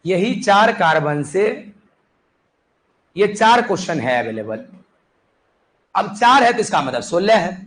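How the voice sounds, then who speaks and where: Brief: young male chemistry teacher, high and lively voice, classroom lecture with faint background noise. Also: a little slow, pauses often, rough recording. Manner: animated, coaxing students, repeated calls to listen.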